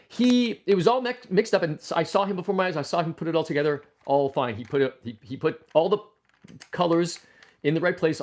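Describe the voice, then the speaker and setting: A man with a mid-range voice hosts a casual livestream. He's excitable and rambling, often restarting sentences and bursting into loud exclamations.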